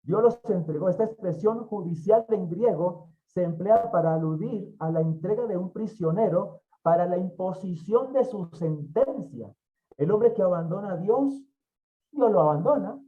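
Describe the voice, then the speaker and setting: Male Bible teacher, emphatic sermon delivery, mellow tone, muffled lo-fi recording. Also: high voice, moderate pace. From Colombia. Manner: emphatic, repeats key phrases, acts out quoted voices. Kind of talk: expository Bible study sermon.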